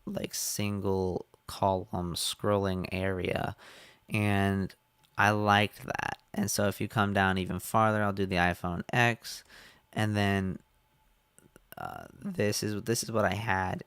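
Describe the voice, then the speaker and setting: A man explaining his website design in a casual screen-share walkthrough, relaxed with fillers, a little hoarse as he is losing his voice. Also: on the low side, takes it slowly, dry recording. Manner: relaxed, many fillers and restarts.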